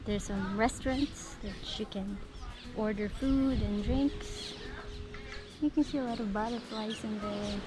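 A young woman co-hosting a sailing vlog, chatting slowly and excitedly on a beach into a handheld camera. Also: medium pitch, background noise. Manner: slow, giggly and excitable. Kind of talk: casual chat. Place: outdoors on a beach.

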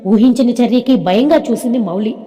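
A woman's voice: on the high side, normal speed, warm tone, in a large hall, soft background music. A woman narrating a serialized drama story in a scripted reading.

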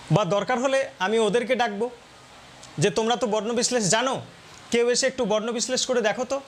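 Bengali guy coaching teachers, high pitched, spells things out slow, bit of background hiss. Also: a bit bright. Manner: slow and deliberate, spelling out sounds one by one. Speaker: teacher coaching exam candidates. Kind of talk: explaining a demo class lesson.

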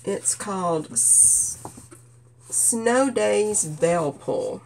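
Slow, nasal woman with a cold. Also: mid-range voice, animated, gravelly, a little hiss or hum. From Kentucky. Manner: gentle, unhurried, frequent "uh" fillers. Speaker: stitching vlogger. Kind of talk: casual show-and-tell chat.

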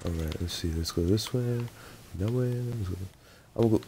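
A man's voice: lowish voice, moderate pace, noisy background. A young man casually talking over his online shooter gameplay, rambling and laughing often as he plays. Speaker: gaming YouTuber.

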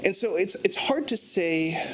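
Speaking at a conference about a research paper, this thirties-aged native English panelist stands before a banner in a conference room, wearing a lapel mic. His voice sits high and fairly bright, expressive and unhurried. He gestures often and pauses to restart, dropping plenty of fillers, while slight noise hums in the background.

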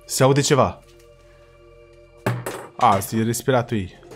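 Excitable young man reacting to horror. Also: medium pitch, faint music behind. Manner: excitable, slangy, yells in panic at jump scares. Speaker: reaction video host. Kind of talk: casual reaction commentary.

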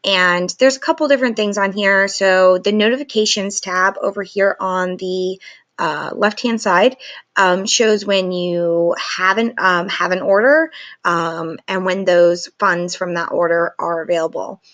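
A woman in her thirties with a sore throat gives a chatty, informal software walkthrough as a photographer. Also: lowish voice, fairly even intonation, unhurried, muffled recording. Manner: chatty, loose phrasing with many likes. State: sore throat, painful to talk. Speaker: photographer presenting a software tutorial. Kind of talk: casual walkthrough and review to camera. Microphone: screen recording with webcam.

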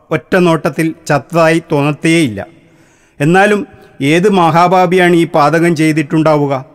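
Man reading a story, echoing hall. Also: on the high side. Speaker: story narrator. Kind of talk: scripted literary narration. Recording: long hall reverb.

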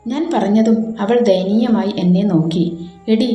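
A woman's voice: mid-range voice, a little slow, warm tone, dull audio. A woman telling a casual first-person story, chatting to her listeners and acting out every character's lines herself. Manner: chatty, addresses listeners as children, acts out all characters' dialogue. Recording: roomy echo with faint background music.

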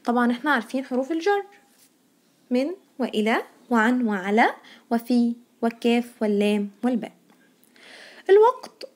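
A woman's voice: sits high, darkish tone. A woman teaching a primary school grammar lesson in Egyptian Arabic. She stresses each new word and answers her own questions to the pupils. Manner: asks pupils questions and answers them herself.

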